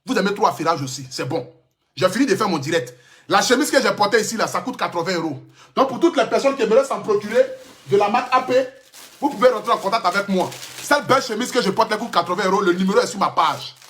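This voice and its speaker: A man's voice: high-pitched, lively intonation, quick pace, a bit bright. A man with an Ivorian French accent giving an emphatic, impassioned live stream rant into his phone. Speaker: social media personality.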